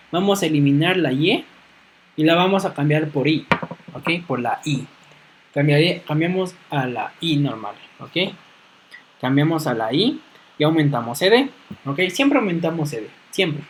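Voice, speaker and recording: A man teaching a grammar lesson, who checks in with a questioning "ok?" after almost every phrase and slowly repeats words to show their stress. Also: a little high, poor audio. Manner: clears throat now and then. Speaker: English teacher. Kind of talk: explaining grammar rules in a lesson.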